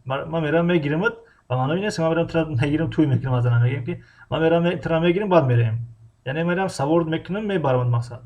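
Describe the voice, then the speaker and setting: A man with a Tajik accent teaching an English lesson, reading English phrases slowly and carefully and explaining them with frequent hesitations. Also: on the high side, highs cut off. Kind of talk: language lesson explaining a dialogue.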